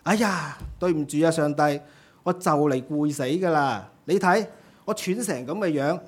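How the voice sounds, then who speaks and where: A preacher puts on a frazzled little ant student in a sermon story, whining to God about being run ragged by classes and exams. The voice sits a touch high and pushes up louder in bursts of complaint, and he speaks. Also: lively intonation, moderate pace. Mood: whiny pleading. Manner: complaining, breathless, pleading.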